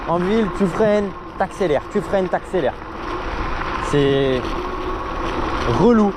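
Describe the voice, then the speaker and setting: A man's voice: high-pitched, normal speed. A young adult man chatting casually and enthusiastically, in an informal slangy way, as he vlogs from an electric scooter. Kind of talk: casual ride-along vlog chat. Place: outdoors, riding through streets and forest. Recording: noisy outdoor ride, vehicle and wind noise.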